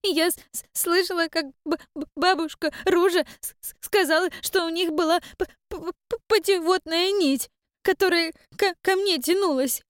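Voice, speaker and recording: A woman's voice: very high voice, normal speed, no room sound, voice pushed up. A woman voicing a frightened little girl who cries and stammers as she begs her mother to stay. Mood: stammering. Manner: stammering through tears, pleading. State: crying.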